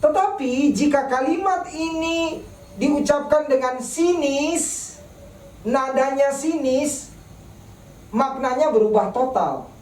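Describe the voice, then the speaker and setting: A woman preaching a sermon in church, speaking slowly and deliberately and asking rhetorical questions of the congregation. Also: high voice, a little mellow. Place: church service broadcast online. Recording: echoey church room, mic at a distance.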